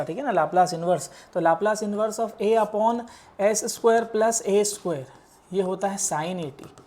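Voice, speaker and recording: A man's voice: high voice, darkish tone. A man teaching engineering maths, explaining worked problems step by step. He mixes English math terms into his talk and keeps checking that students follow.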